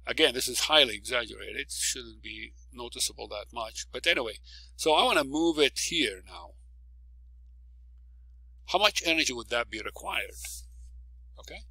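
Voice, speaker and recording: A male physics professor records a video lecture with a bright, lively voice that climbs whenever he stresses a key word. He walks through the problem step by step and keeps asking "okay?" to check in. The sound is dry and close, with no room echo. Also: normal speed, vocal fry, pauses often, breathy edge. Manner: explains step by step, asks "okay?" often; stresses key words with rising pitch.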